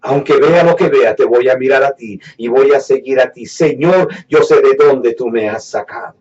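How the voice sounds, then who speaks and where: A man giving a fervent sermon testimony, dropping to hushed low lines and rising to raised fervent ones, slowing down to stretch words for emphasis. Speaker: preacher giving his testimony. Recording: distant mic, dull lo-fi sound.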